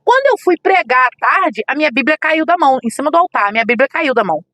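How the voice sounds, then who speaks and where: A middle-aged woman, a podcast guest and missionary preacher, telling an emotional personal testimony with animated storytelling. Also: sits high, fast, dry recording. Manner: animated storytelling, acts out quoted voices.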